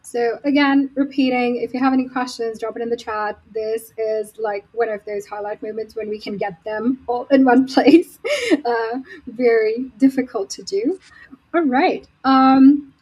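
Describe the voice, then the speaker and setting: A woman's voice: on the high side, fairly even intonation, unhurried, a little mellow, breathy edge. A woman hosting an online roundtable who puts questions to her guests in an upbeat way. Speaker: host. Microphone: video call. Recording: muffled lo-fi video-call audio.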